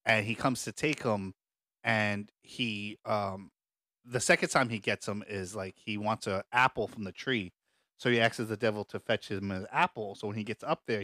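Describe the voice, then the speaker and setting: A man's voice: fairly low pitch, dry recording, clean studio sound. A man co-hosting a podcast, retelling a legend in loose, rambling casual chat. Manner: rambling, relaxed, many fillers. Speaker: podcast co-host.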